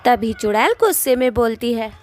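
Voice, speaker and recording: A woman's voice: fairly high pitch, lively intonation, moderate pace. A woman narrating a cartoon story in a plain storytelling way.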